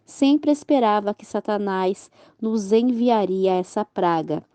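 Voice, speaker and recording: A troubled yet resolute male church reformer speaks in a low, subdued way, as a woman reads him aloud. The delivery is very slow with a warm, dark tone. The sound is close and dry. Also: clean tone, dry recording, lightly acted. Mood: grave.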